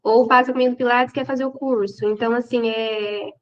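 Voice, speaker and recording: A woman's voice: on the high side, steady tone, fairly quick. A woman guest with an interior São Paulo accent, talking in an earnest, reflective way that often ends on "né?". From Brazil. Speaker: guest physiotherapist. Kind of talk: casual interview chat. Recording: dull lo-fi sound.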